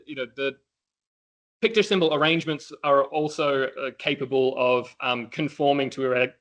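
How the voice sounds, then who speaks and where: A man's voice: mid-range voice, a bit bright, poor audio. A man from Wales answering questions after an academic talk, with many fillers and restarts. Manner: hesitant, many fillers and restarts, laughs easily. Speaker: conference speaker.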